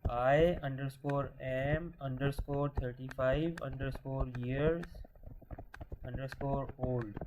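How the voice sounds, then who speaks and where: A man with a mid-range voice teaches programming over screen share against some background noise. He's patient, asks questions only to answer them himself, and keeps restarting words partway through sentences.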